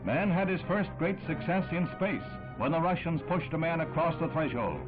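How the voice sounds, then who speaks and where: A man's voice: a little high, expressive, moderate pace. A man narrating an old newsreel in a solemn, emphatic, dramatic way. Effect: old newsreel sound. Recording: tinny old newsreel audio with music.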